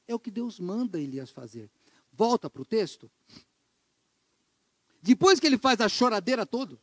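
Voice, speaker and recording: A middle-aged Brazilian man preaching a sermon as pastor, animated, acting out quoted complaints and dropping to a hushed voice for emphasis. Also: no room sound, clean studio sound. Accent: Brazilian Portuguese. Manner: animated, acts out quoted complaints with sudden pitch jumps; drops to a hushed low voice for emphasis.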